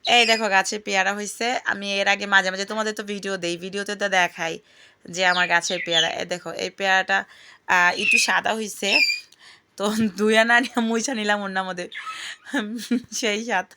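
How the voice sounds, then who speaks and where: A woman's voice: medium pitch, fairly even intonation, a little fast, pauses often, background noise. A woman, chatting casually in a home vlog from her garden, often exclaiming aloud and calling out to her pet bird. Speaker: vlogger.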